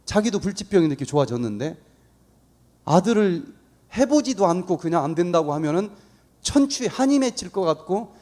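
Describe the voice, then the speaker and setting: Animated storytelling Korean man. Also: high-pitched, brisk. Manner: animated storytelling, acts out quoted voices. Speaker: guest speaker. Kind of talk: church lecture. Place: church.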